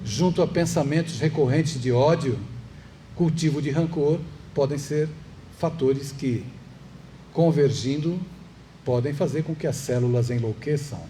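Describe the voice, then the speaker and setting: A Brazilian-accented man gives a public lecture in a spiritist center's hall. His voice sits a little high for a man. He keeps the talk conversational, poses rhetorical questions to listeners, and adds jokes now and then, with faint room noise underneath. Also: unhurried, mellow. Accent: Brazilian Portuguese. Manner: conversational, asks the audience rhetorical questions, jokes to lighten a heavy subject. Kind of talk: public lecture to a live audience.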